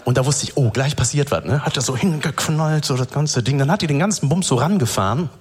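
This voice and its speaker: On a stage before a live audience, a man hosts a comedy show, telling stand-up stories and acting out the people in them. His mid-range voice has a breathy edge, and he talks fast. He's an animated storyteller who performs the quotes.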